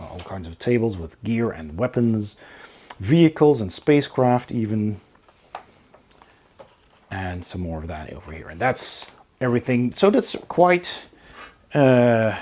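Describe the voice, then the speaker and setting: This tabletop game channel host has a lowish voice with a somewhat dark tone. He walks through an unboxing in a casual, unhurried show-and-tell manner, pausing now and then.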